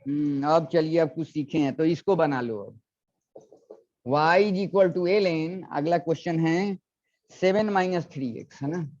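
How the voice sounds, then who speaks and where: Unhurried and fairly high-pitched with a darkish tone, a male physics teacher gives a classroom lecture. He coaxes his students and repeats questions, and the recording is dull and lo-fi.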